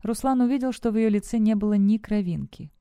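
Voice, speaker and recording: Mellow woman narrating an audiobook. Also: mid-range voice, fairly quick, clear, resonant tone, no echo, clean studio sound.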